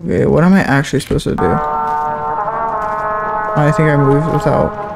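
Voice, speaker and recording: A man's voice: a little high, level tone, normal speed, vocal fry, over loud music. A man giving casual gameplay commentary, reacting and talking aloud to the game as host. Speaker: gaming video host.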